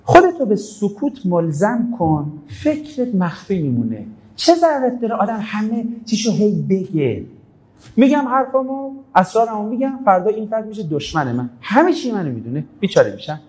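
A man's voice: high-pitched, very animated, darkish tone, low-quality recording. A man giving a religious talk, telling stories in a conversational way and quoting scripture. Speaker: preacher.

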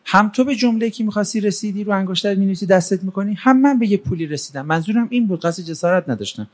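A man's voice: sits high, lightly acted. A man voicing a humble, clever old man who speaks politely and modestly in a spoken folk tale. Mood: apologetic. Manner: polite, modest, quietly witty.

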